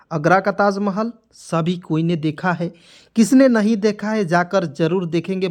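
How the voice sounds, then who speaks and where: Man drilling a reading lesson. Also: high voice. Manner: drills in repeated question-and-answer phrases. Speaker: teacher.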